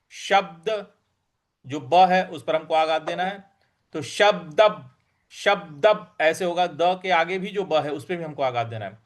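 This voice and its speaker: A man teaching how to recite Sanskrit verse, breaking words into syllables and repeating them slowly and deliberately. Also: a little high. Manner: slow, deliberate syllable-by-syllable drilling.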